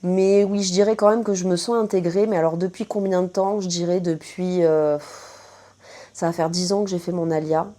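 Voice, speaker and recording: A woman's voice: fairly low pitch, fairly even intonation, moderate pace, mellow. A woman from France with a French accent, chatting casually to her viewers as she answers their questions, full of fillers and self-corrections. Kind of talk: casual Q&A chat to camera.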